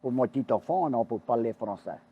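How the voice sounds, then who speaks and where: A man's voice: mid-range voice, expressive, fairly quick, husky, narrow, tinny audio. An older man from Louisiana with a Cajun French accent, chatting casually in a rambling, repetitive way. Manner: rambling, repeats himself. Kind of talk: casual chat.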